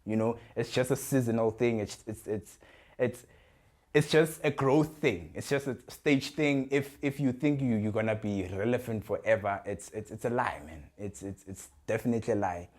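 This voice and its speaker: A man's voice: medium pitch, moderate pace, a little mellow. Young South African man, casual podcast chat. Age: young adult. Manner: repeats words often, mixes English with Zulu. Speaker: podcast co-host.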